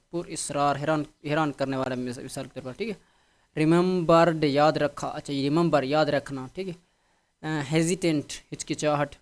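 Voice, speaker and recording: Guy teaching vocab, voice on the high side, keeps checking students follow along. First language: Urdu. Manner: explains patiently with frequent check-ins. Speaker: English teacher. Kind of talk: vocabulary lesson.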